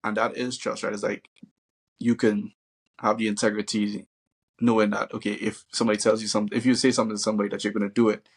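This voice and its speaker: A man from Trinidad and Tobago, a father and host, chatting in a relaxed way and thinking aloud with lots of fillers. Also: lowish voice, fast, breathy edge. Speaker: podcast host. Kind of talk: casual conversation.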